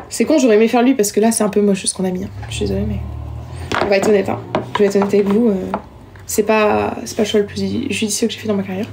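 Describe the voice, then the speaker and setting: A woman's voice: mid-range voice, background noise. A young woman chatting casually with viewers during a live stream, self-mocking and talkative, recorded on a phone at home. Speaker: livestreamer.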